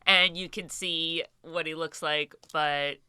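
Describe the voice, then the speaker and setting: A woman narrates true crime casually, like a chatty host talking to regular viewers. Her voice is bright and forward but clearly congested, with the blocked, nasal sound of a head cold. The sound is dry, with very little room around it. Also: sits low, little pitch movement, a little slow, no echo. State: sick with a stuffed nose.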